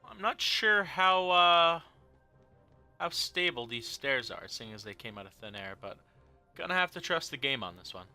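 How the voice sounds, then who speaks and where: A young man talks through a video game at his home setup, rambling and joking between fillers. His tone is sharp and very bright, and faint game music plays under him. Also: fairly high pitch, expressive, normal speed. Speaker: let's play host. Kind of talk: casual gameplay commentary.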